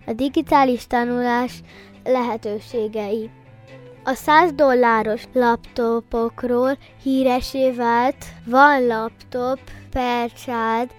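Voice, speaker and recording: A woman reading a news bulletin in a measured way, with small slips and restarts. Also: a little high. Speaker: news reader. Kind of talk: read radio news bulletin.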